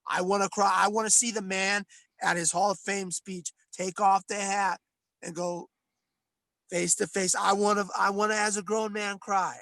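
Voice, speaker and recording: A man's voice: sits high, bright, forceful tone, dry recording. A man co-hosting a podcast, ranting with passion and frequent swearing in casual chat. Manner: impassioned, swearing, rambling rant. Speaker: podcast co-host.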